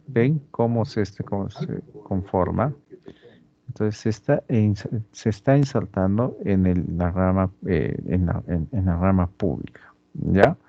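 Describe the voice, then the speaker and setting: Slow gravelly male anatomy lecturer. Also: low voice, dull audio. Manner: slow and deliberate, checks in with students constantly. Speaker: anatomy instructor. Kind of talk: lecturing during a dissection demonstration.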